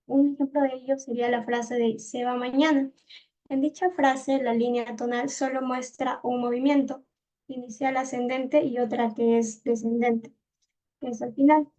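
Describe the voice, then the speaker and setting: A woman's voice: fairly high pitch, level tone, normal speed, mellow. A young woman giving her part of a class presentation, reading steadily. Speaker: student presenter.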